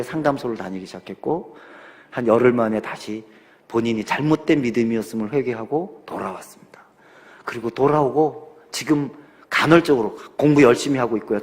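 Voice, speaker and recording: A man preaching a sermon as a pastor, telling a story with dramatic voice changes and dropping at times to a near-whisper. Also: medium pitch. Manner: dramatic storytelling, acting out quoted parents and son; swings from loud exhortation to near-whisper. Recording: long hall reverb.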